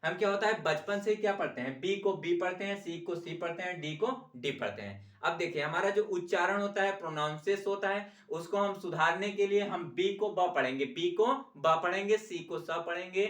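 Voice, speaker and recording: A man's voice: sits high, moderate pace, few pauses, a bit bright. A man teaching a basic language lesson in a questioning classroom style, who keeps checking in with the learners and repeats answers back to them. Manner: repeats "ठीक है" after each point and asks the class questions. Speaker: English teacher. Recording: echoey room.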